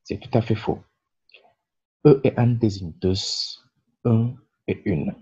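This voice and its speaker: Slow, husky man teaching English grammar. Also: fairly low pitch, dark tone. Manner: slow, patient explaining with many fillers. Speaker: English teacher and channel creator. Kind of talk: French-language grammar lesson. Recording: dull lo-fi sound.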